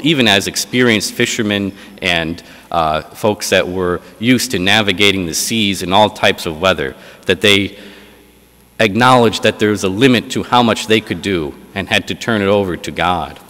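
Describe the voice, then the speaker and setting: A priest with a somewhat low voice reads the gospel and then preaches, pausing on filler sounds as he gathers his thoughts. His words hang in the long echo of a large church. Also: fairly bright tone. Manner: measured reading, then unscripted preaching with frequent uh fillers. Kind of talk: gospel reading and homily.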